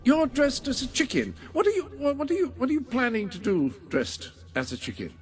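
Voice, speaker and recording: A man's voice: very high-pitched, big pitch swings, fairly quick, soft background music. An actor voicing a dry, sardonic male butler in a video game, speaking in an arch, politely disapproving way. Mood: wry.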